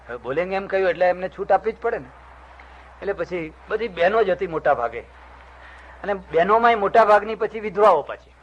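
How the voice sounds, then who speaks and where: Older man, swami delivering a storytelling discourse, voices the characters, somewhat high pitch, dull lo-fi recording. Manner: acts out dialogue in the stories, shifting voice for each character. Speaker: swami giving a religious discourse. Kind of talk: storytelling sermon.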